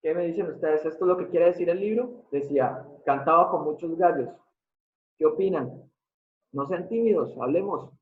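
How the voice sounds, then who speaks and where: A man's voice: on the high side, moderate pace. Man lecturing over a tinny, echoey line. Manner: explanatory, keeps asking the audience questions. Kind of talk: live online lecture. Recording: tinny phone-like sound in an echoey room.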